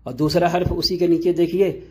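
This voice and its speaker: A man teaching Arabic pronunciation in a slow, measured lesson, pausing often and repeating key letters. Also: a little high, steady tone, mellow. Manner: slow and measured, with frequent drawn-out pauses and repetition; clears his throat now and then. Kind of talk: explanatory lesson.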